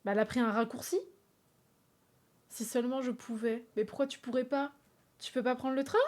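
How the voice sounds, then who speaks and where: A young woman streaming live, chatting casually with her viewers, animated and laughing often. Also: fairly high pitch, fairly quick. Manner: animated, laughs often, talks straight to chat.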